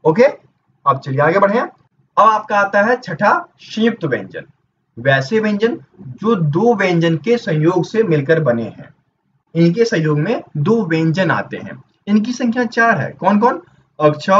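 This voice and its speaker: A man's voice: high-pitched, big pitch swings, measured pace. A man teaching a grammar lesson for exam preparation. He explains step by step and asks questions that he then answers himself. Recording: dull distant mic with faint noise.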